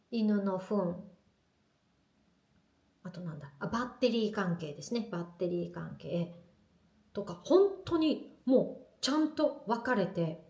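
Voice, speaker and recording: A woman vlogging in casual chat to the camera, telling stories in a lively, chatty way. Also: mid-range voice, creaky, echoey room.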